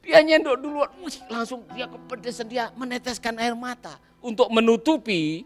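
A male pastor preaching a sermon, telling stories lively and acting out the voices in them, often asking the congregation "right?". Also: very high voice, moderate pace, soft background music. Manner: lively storyteller, acts out quoted voices, asks "ya kan?".

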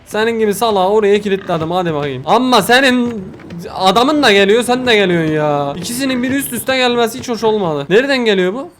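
A man with a high voice rattles through let's play commentary at a fast clip. He is excitable, talks straight to the characters on screen and swears often. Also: slight background noise. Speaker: gaming video host.

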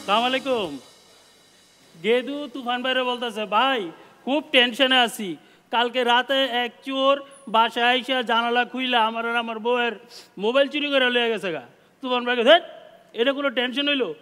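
A man's voice: very high voice, normal speed, sharp tone, clear, resonant tone, big-room sound. A man telling stand-up jokes. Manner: storytelling jokes in village dialect. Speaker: guest comedian.

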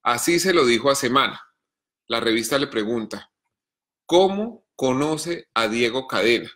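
Man, bright clear voice, measured column reading, coughing. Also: mid-range voice, expressive. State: coughing fits. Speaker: journalist columnist. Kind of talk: reading his column aloud, then answering viewer questions.

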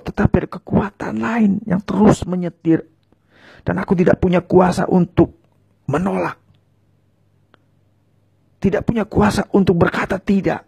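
Male preacher, husky and high, leads viewers through fervent call-and-repeat prayer. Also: a little mellow. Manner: fervent, repetitive prayer lines for viewers to echo; speaks in tongues.

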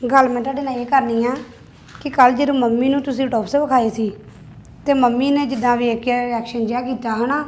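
A woman's voice: a little high, steady tone, fairly quick, slight background noise, close to an everyday voice. A woman playing a worried young married woman in a family drama, talking earnestly and confidingly. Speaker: sister-in-law Preeti. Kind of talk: Punjabi family drama acting.

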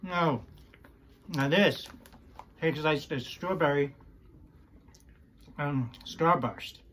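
A woman's voice: sits low, drawn-out words, fairly bright tone. Woman talking with a mouthful of candy. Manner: rambling, filler-heavy. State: mouth partly full. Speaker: vlogger. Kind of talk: casual taste-test chat. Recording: faint background noise.

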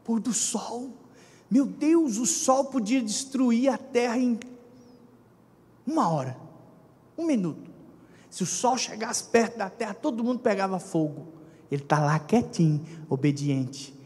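A man with a Brazilian accent preaching a lively sermon, speaking to his congregation and acting out voices. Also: high voice, unhurried, long pauses, a little hiss or hum. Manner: animated, talks to congregation, acts out dialogue. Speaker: pastor. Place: church hall. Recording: long church reverb.

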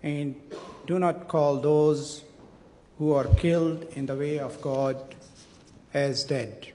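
A middle-aged man reading a translation and offering a prayer in a measured, solemn manner at a stand microphone in a large parliament chamber. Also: a little high, fairly even intonation, dark tone, a little hiss or hum. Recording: long reverb of a large hall.

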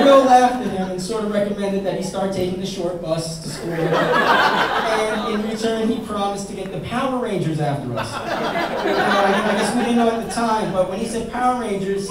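A young man with a voice that sits high gives a best man's toast at an indoor wedding in a large banquet hall, reading from a page into a handheld mic. He jokes at his own expense and pauses for laughs. A far camera captures the echoey hall from a distance, with heavy background noise and the crowd laughing.

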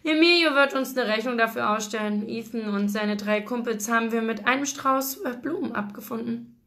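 A woman's voice: fairly high pitch, normal speed, fairly bright tone. A tall, cocky young man who laughs things off and mocks the sheriff. A woman reads his part aloud from a novel. His tone is breezy and joking. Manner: mocking, laughing.

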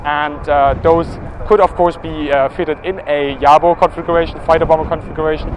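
A man's voice: fairly high pitch, steady tone, slight background noise, rough recording. A man in his thirties giving an informative walkaround tour of an aircraft, outdoors at an air show on a lapel mic. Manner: informative, brisk, pointing out details. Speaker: military history presenter.

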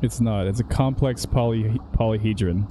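A man playing a video game and bantering casually, joking and laughing often, reacting loudly to the game. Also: fairly low pitch, normal speed, slight background noise. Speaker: gaming streamer. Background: game music.

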